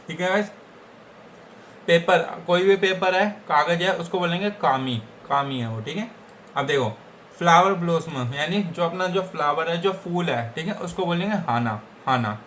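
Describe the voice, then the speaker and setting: A man with an Indian accent teaches Japanese vocabulary in a casual lesson, repeating each word and checking in with his listeners. His voice is fairly high and fairly bright, recorded on a computer setup with slight background noise.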